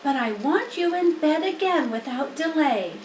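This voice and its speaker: A woman voicing a wise, motherly female spider in a storybook, cool and reassuring, gently firm in manner. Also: high-pitched, expressive, normal speed, voice pushed up. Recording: roomy, distant mic, faint background noise.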